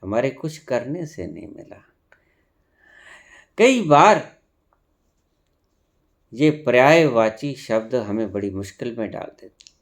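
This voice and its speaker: A male spiritual teacher speaks. His delivery is slow and deliberate, with a lively, swooping pitch that jumps up for sudden emphasis. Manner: slow, expressive preaching with sudden emphatic rises. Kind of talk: spiritual discourse.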